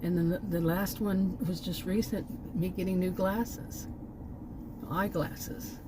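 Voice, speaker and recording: A Texan woman with a lowish voice and a steady tone speaks slowly over background noise. She's a channel host sitting outdoors near woods and a park, rambling chattily through a casual vlog monologue full of fillers and self-corrections.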